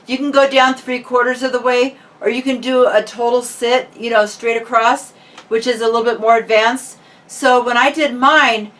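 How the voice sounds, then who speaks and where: A woman's voice: a little high, fairly bright tone. A woman talking casually and informally, like a fitness vlogger chatting to viewers. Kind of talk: casual vlog chat. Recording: distant microphone.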